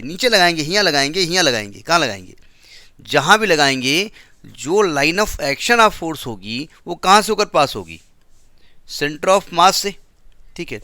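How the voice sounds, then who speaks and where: A man's voice: a little high, sharp tone, no echo, clean studio sound. A man teaching a physics class, explaining step by step and asking the students questions, with an Indian English accent.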